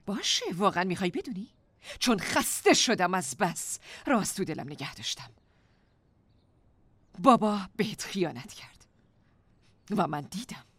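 An actress voicing an angry teenage girl in a dubbed drama, bitter and rising to shouting. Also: fairly low pitch, very animated, long pauses, husky, no echo, full character voice. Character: angry teenage girl confronting her mother.

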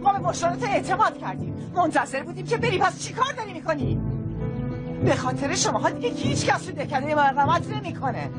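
A woman voicing an agitated village woman who shouts in a dubbed drama. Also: extremely high pitch, expressive, over loud music. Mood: furious. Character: furious village woman, older, quick to shout.

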